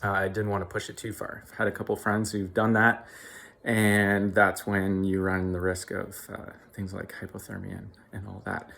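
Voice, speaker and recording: Low-voiced man, chilled from ice cold water. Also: completely flat delivery, vocal fry, a bit bright. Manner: hesitant, halting explanations. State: shivering and chilled after an ice cold bath. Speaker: vlogger. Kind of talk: casual vlog talk.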